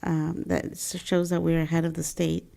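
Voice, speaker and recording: A woman trustee asking questions at a board meeting, halting and full of fillers. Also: sits low, flat delivery, creaky, warm tone.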